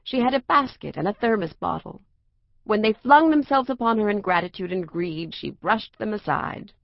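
A woman reads a children's storybook aloud with an expressive, lilting delivery. Her voice carries a gravelly texture. The recording is dry and slightly dull. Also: mid-range voice, moderate pace, no room sound. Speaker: narrator.

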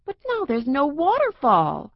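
A woman voicing a plucky, rough-and-tumble young girl who sounds plaintive and doubtful. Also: sits high, wildly swooping pitch, a little slow, dry recording, highs cut off, voice pushed up, exaggerated voice.

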